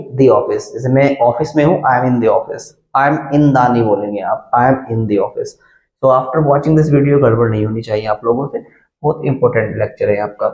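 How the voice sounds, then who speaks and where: A man's voice: medium pitch, a little mellow, echoey room, low-quality recording. A man teaching an English grammar lesson, spelling words out letter by letter and often checking that his students follow. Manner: repeats key words and asks "clear?" often.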